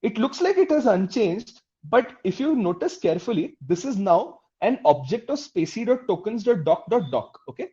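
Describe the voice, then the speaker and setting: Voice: medium pitch, big pitch swings, moderate pace, hardly any pauses, warm tone. An instructor teaching a live online coding class, explaining step by step, putting questions to the class and often checking in with "okay?" and "right?". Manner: addresses the class directly with questions. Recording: dull, muffled lo-fi audio.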